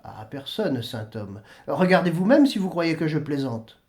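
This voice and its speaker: A man's voice: a little high, very animated, moderate pace, darkish tone. Guy reading as a cheery old saint at the gate, folksy, voice bounces up and down a lot. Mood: jovial. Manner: hearty, welcoming, folksy. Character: jovial old male saint keeping heaven's gate.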